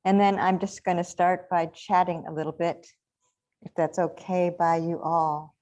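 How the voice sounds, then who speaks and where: Woman, lowish voice, non-native English, guest artist, relaxed chatty talk, video call. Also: moderate pace, lo-fi sound. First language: not English. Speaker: guest artist and workshop leader.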